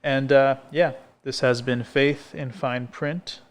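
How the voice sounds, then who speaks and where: A man's voice: mid-range voice, fairly even intonation, slow pace. A man co-hosting a podcast from a coffee shop set, talking casually and rambling, with many fillers and restarts. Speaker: podcast co-host. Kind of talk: casual conversation. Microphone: filmed podcast set.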